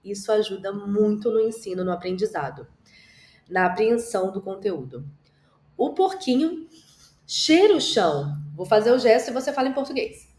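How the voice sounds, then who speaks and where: Woman, teacher, English lesson with gestures, encouraging, slow repeated model sentences, mid pitch, roomy echo. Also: warm tone. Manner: encouraging, speaks directly to the viewer.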